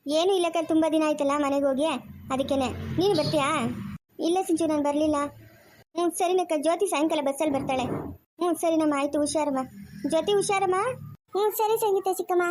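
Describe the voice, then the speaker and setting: A woman with a high voice and a Chikkaballapur Kannada accent plays out a homemade family drama. She rattles off fast, scolding village talk. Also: steady tone, warm tone, a little hiss or hum. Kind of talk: amateur family drama acting.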